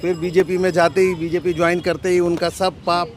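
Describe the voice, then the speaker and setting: Street interviewee, male, sarcastic and mocking, high-ish voice. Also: level tone, fairly quick. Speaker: passer-by interviewee.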